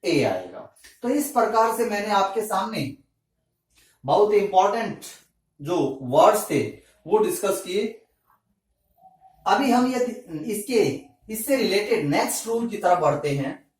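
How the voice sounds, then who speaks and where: A male teacher explains grammar step by step, posing questions to his class and answering them himself. His pitch moves up and down a lot, and his delivery is unhurried. He sounds set back from the microphone in a very reverberant room. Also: very animated. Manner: slow, deliberate explaining. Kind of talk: classroom lesson in Hindi. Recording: echoey room, mic at a distance.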